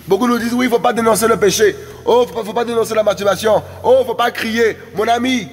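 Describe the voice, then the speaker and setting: A high-pitched man delivers a fiery, exhorting sermon, hammering phrases again and again. His voice rings through a long, echoing hall with faint music underneath. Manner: shouting and exhorting, repeating words. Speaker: preacher.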